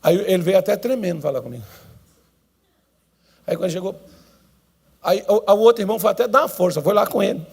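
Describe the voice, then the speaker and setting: A Brazilian male pastor with a creaky, husky voice preaches a sermon in church, alternating between long, drawn-out shouted cries and low, quick asides.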